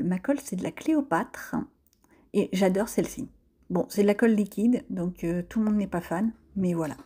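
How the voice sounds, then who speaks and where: A woman's voice: medium pitch, dark tone, breathy edge. A French-accented woman chatting casually through a crafting tutorial, self-deprecating and full of fillers. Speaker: crafting vlogger.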